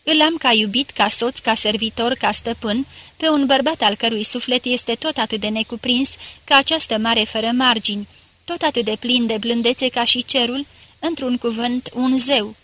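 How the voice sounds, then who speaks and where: A woman's voice: fairly high pitch, bright, forceful tone. Woman reading as Hélène, a rapturous young wife. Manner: rapturous, effusive.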